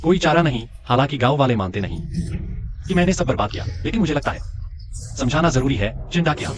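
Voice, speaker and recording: A man's voice: medium pitch, lively intonation, quick pace, background noise, lightly acted. A man dubbing a cool young male hero in a drama, with a mocking, self-assured manner. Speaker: dubbing actor. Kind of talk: dubbed drama acting.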